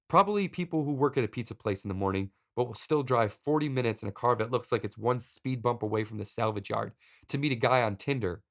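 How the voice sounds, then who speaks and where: Gravelly-voiced man telling a wry story. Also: fairly low pitch. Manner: wry, deadpan comic storytelling. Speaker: podcast host. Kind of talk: storytelling narration.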